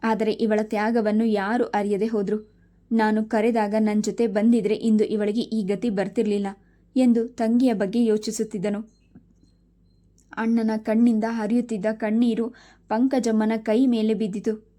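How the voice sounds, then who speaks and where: A woman slowly narrating an emotional family story in a measured way. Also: fairly high pitch, flat delivery, mellow.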